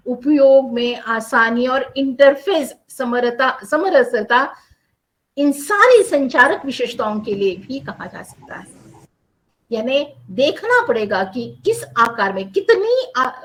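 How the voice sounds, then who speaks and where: A woman's voice: sits high, fairly bright tone, low-quality recording. A woman teacher giving a lecture, explaining patiently with examples and repeating key points, mixing in English terms.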